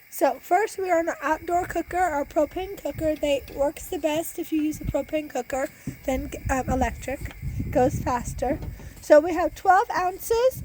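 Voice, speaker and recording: Filmed close with a phone camera on a farm-yard back deck, an Iowa beekeeper and homesteader in her forties gives a casual how-to cooking demo of a beekeeping recipe. She's losing her voice, which is high-pitched with a darkish tone, and she explains chattily step by step with many restarts. The audio is low-quality with slight background noise.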